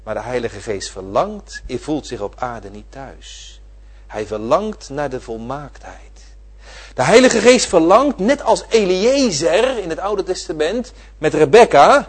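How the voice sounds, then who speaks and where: A man preaching a sermon, repeating his phrases and swinging from loud declarations to quiet asides. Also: fairly high pitch, animated, unhurried, breathy edge. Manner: emphatic, repeating phrases with swelling and dropping volume.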